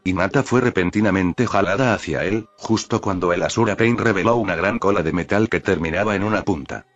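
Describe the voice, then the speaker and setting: Brief: a low-voiced male narrator reading fan fiction steadily over faint background music. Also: fairly quick. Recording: dull lo-fi audio with faint music.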